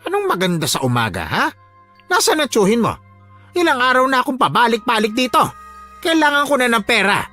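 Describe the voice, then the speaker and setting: A man voicing an angry, pushy older male moneylender who scolds and shouts in a radio drama. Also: very high-pitched, huge pitch swings, brisk, faint music behind, exaggerated voice.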